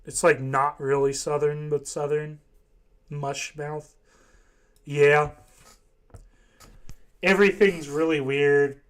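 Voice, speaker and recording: A man's voice: a little high, level tone, takes it slowly, long pauses, clean tone. A young man from Ohio in casual chat, rambling and hesitant, full of fillers. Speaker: voice chat participant.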